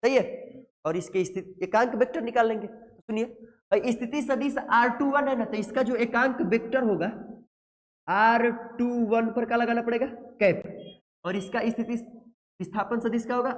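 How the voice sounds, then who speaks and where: A man's voice: very high-pitched, moderate pace. A male physics teacher lectures to a class, keeps asking questions and answers them himself. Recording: long hall reverb.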